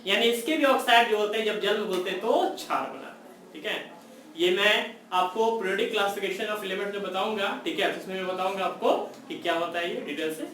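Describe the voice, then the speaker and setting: High, bright-voiced male chemistry teacher. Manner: repeats mnemonics slowly, checks in with "theek hai". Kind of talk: classroom lecture with memory tricks. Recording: far-off echoey room with faint noise.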